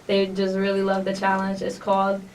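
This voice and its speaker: A woman's voice: medium pitch, monotone, fairly quick, darkish tone. Chatty young woman with a New York accent. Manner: upbeat, chatty, many fillers. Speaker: guest artist. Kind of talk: casual podcast interview. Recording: distant mic with faint noise.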